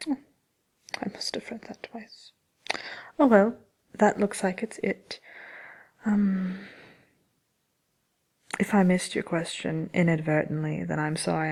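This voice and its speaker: A woman's voice: on the low side, gravelly, darkish tone. A woman voicing a haughty, mischievous wicked witch in an in-character ASMR question-and-answer chat, sly, theatrical and dryly self-important. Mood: playfully haughty, then breezy, dismissive.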